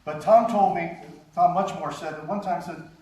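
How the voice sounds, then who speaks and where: Guy telling radio stories at a talk, kinda high voice, super echoey room, mic far off. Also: fairly even intonation, darkish tone. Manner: anecdotal, chuckles often, halting restarts. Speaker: guest speaker, former radio and TV writer. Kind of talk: storytelling lecture with slides. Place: lodge hall at a live conference. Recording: very echoey hall, distant mic, faint hiss.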